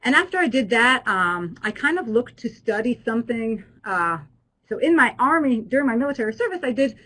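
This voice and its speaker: A woman professor from Israel hosts an online class for alumni, speaking into a computer mic. Her voice sits a little high. She talks in a friendly way, full of fillers and restarts. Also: very animated, a little fast, sharp tone, low-quality recording. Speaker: business school professor. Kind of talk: online alumni webinar talk.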